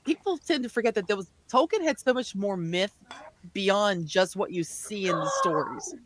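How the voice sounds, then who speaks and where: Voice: medium pitch, normal speed, noisy background. A speaker in a casual group discussion, explaining details in a matter-of-fact way. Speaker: panelist.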